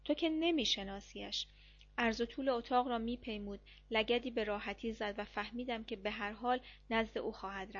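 Woman reading a diary-style story. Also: on the high side. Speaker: audiobook narrator. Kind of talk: first-person diary reading. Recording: dull lo-fi recording.

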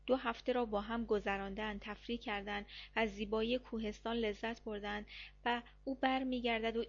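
A woman with a slightly high voice reads a first-person diary story at a steady, measured pace. Her narration is calm and even throughout. The recording sounds muffled and lo-fi, with the top end dulled. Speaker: audiobook narrator. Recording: dull lo-fi recording.

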